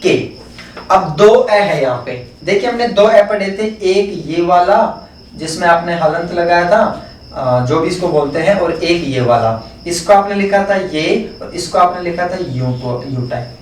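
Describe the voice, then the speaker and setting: A man's voice: sits high, unhurried, a little hiss or hum. A man teaching an exam-prep phonetics lesson with an Indian English accent, explaining step by step and answering his own questions. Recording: echoey room, mic far off.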